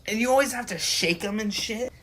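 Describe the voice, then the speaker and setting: A young man delivering a profane, deliberately dark comedic rant to camera, exaggerated and complaining. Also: high-pitched, noisy background. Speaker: vlogger.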